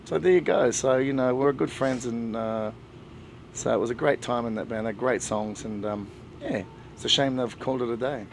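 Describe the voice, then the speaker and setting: Gravelly middle-aged New man. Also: medium pitch, normal speed, slight background noise. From New Zealand. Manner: relaxed storyteller, many "you know" fillers. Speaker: band singer. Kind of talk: casual backstage interview. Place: backstage at a music festival.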